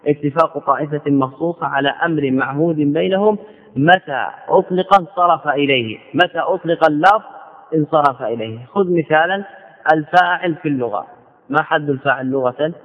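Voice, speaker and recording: A man with a slightly high voice gives a grammar lesson, repeating each key term and answering his own questions. The recording is thin and phone-like. A long reverb trails behind him, as in a large hall. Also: brisk. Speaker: Islamic scholar teaching Arabic grammar. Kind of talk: classroom lecture on grammar.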